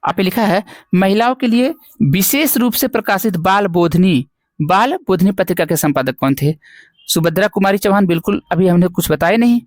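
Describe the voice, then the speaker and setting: A man's voice: high voice, moderate pace, no room sound, clean studio sound. A male Hindi teacher giving an exam-prep lecture, explaining memory tricks with lots of repetition and quiz questions.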